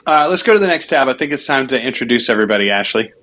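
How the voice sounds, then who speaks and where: A man's voice: medium pitch, animated, very fast, pushed and bright. A man of forty hosting a panel discussion in a casual, conversational way. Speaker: podcast co-host and panel moderator.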